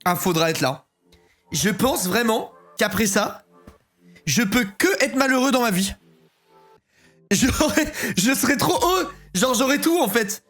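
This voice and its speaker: Man streamer, casual chat, has a cold, animated intonation, laughs easily. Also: very high-pitched, unhurried, pauses often, soft background music. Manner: joking, laughs often, swears casually. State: has a cold, stuffy and sick.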